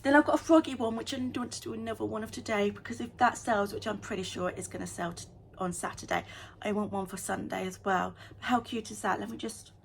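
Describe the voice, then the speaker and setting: A woman vlogging in a casual, chatty way, talking fast and getting excited about small things. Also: medium pitch, gravelly, a little hiss or hum. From United Kingdom. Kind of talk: casual vlog chat.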